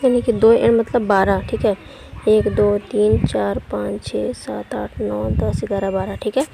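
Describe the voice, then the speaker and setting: A woman's voice: medium pitch, flat delivery, a little slow, vocal fry, mellow, slight background noise. A woman giving an online language lesson. She explains step by step, reads letters and example words one at a time, and often checks in with "okay". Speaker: language teacher.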